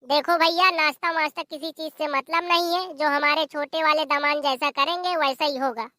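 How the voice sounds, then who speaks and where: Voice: high voice, steady tone, normal speed, pushed and bright. A performer voicing a stingy, mocking old village father in a cartoon. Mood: scolding.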